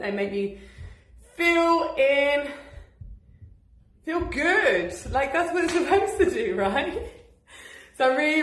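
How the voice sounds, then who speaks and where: A woman's voice: fairly high pitch, roomy sound. A woman chatting casually and cheerfully in a daily vlog at home, laughing often. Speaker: vlogger and business owner. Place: at home, indoors.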